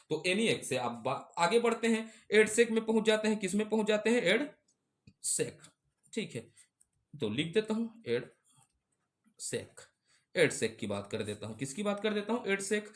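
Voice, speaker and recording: A man's voice: sits high, big pitch swings, moderate pace. A man teaches an exam-prep computer class. He drills each term again and again, firing questions at his students and answering them himself. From Chhattisgarh. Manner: repetitive call-and-response drilling.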